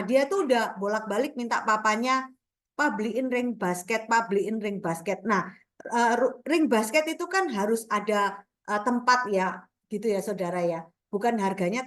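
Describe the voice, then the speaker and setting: A middle-aged woman speaks at a mid pitch, sharing a morning devotional. She talks in a loose, chatty way, full of fillers and tag questions, and keeps turning to her listeners as brothers and sisters.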